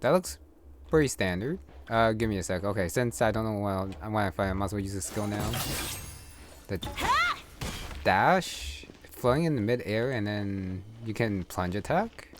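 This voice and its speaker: A man with a lowish, animated voice, speaking at a moderate pace, offers casual, unscripted commentary while gaming, musing aloud to himself. He's a gamer and streamer, and game music plays in a noisy background.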